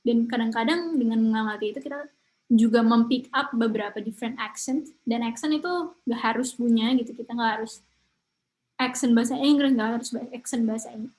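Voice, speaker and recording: A woman's voice: a little high, brisk, a little mellow, rough recording. Chatty young woman teaching English. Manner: chatty, mixes English words into Indonesian. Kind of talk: casual online lesson.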